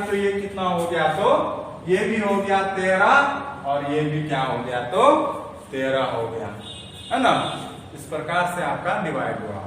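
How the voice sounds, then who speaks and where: A man's voice: high-pitched, fairly bright tone, a little hiss or hum. A man teaches a lesson, explaining step by step and asking and answering his own questions. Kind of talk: classroom lesson. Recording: echoey room from far off.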